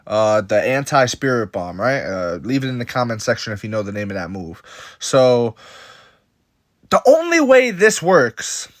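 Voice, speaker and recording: A man giving a casual, opinionated MMA commentary who talks in an animated way and repeats his points. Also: medium pitch, normal speed, dry recording, clean studio sound.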